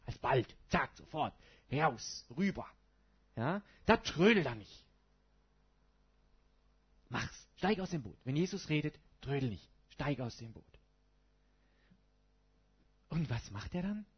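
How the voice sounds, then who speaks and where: A man's voice: on the high side, big pitch swings, takes it slowly, long pauses, husky. A man preaching a sermon to his congregation in a colloquial way, putting rhetorical questions to his listeners. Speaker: pastor. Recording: dull lo-fi recording.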